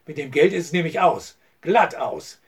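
Male narrator doing a hot-tempered greedy swindler, husky and slightly raised, a bit distant from the mic. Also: fairly high pitch, expressive, normal speed, full character voice. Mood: agitated. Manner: agitated, bitter.

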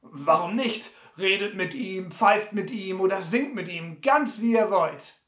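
A brash, boastful bully, as a reader puts him on, loud and scornful. He swings up and down in pitch as he blusters. The sound is roomy. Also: lively intonation, slow. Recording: roomy echo.

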